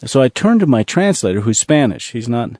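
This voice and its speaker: A man telling a testimony from his mission travels, earnest and repetitive, slowing down to stress key words. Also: medium pitch, very animated, darkish tone, no room sound, studio quality. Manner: earnest, repetitive storytelling with slow emphasis. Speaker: ministry speaker telling a mission story. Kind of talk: storytelling testimony.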